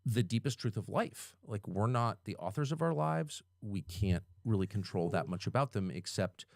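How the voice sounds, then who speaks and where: Animated, emphatic man in his fifties. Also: lowish voice, moderate pace, creaky, no echo, studio quality. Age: 50s. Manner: emphatic, animated, swears freely. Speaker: podcast guest. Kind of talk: casual podcast conversation.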